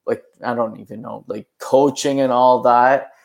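A man's voice: mid-range voice, fairly even intonation, moderate pace, gravelly. A young man co-hosting a podcast, chatting casually about hockey and rambling with lots of filler words. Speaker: podcast co-host. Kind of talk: casual sports chat.

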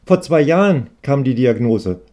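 A man's voice: medium pitch, expressive, a little slow, dark tone, natural voice. A man voicing a chatty, oversharing male student in his mid-twenties, who talks in a whiny, indignant way. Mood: complaining.

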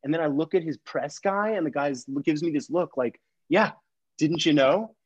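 Excitable man telling a story. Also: a little high, brisk, no echo, lo-fi sound. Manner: excitable, heavy use of "like", acts out voices. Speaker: podcast co-host telling a guest story. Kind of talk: animated casual storytelling.

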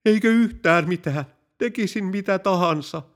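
A man playing a panicking army general, high and frantic. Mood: panicked. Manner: pleading, frantic.

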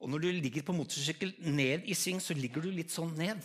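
A man's voice: on the high side, slightly rough. A man with an Eastern Norwegian accent preaching a story-driven sermon, talking conversationally and putting direct questions to his audience.

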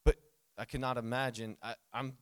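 A man in his thirties gives a casual, animated sermon with a lilt. His voice sits at an ordinary middle pitch and sounds close and dry. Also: moderate pace, clean tone, no room sound. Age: 30s. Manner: animated, conversational preaching with jokes and asides. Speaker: pastor.

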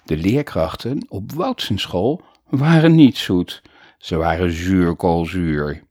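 Husky man reading a children's story slowly. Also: low voice, no room sound, studio quality. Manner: animated, playful storytelling. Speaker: audiobook narrator. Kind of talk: expressive children's storybook narration.

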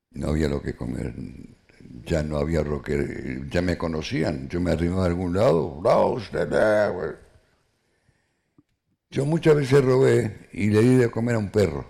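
An older man gives halting personal testimony, full of restarts and quoted lines. His voice sits very low and carries a gravelly fry. The tone is dark and mellow. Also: animated. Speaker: Holocaust survivor giving testimony.

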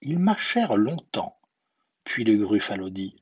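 Man reading a bedtime story, slow and husky, lively delivery, dull lo-fi recording. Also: fairly low pitch. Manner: soft, slow, expressive.

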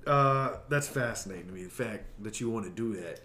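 A man's voice: on the low side, animated, a little fast. A young man hosting a podcast, chatting casually and animatedly, swearing and laughing often. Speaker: podcast host. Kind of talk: casual chat. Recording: echoey room with faint noise.

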